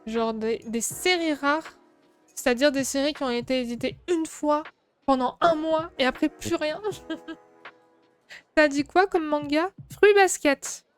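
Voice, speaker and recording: Chatty high-voiced woman streamer. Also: a little slow, pauses often, faint music behind. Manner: chatty, laughs often, answers chat aloud. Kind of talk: casual chat while crafting. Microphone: streaming microphone.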